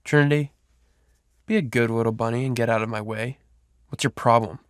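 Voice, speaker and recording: Alpha werewolf leader, male, icy and dismissive; a man acts him; mid-pitched, dry studio sound. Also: steady tone, fairly quick, smooth, no echo, lightly acted. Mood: condescending. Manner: cold and dismissive. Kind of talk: audio drama acting.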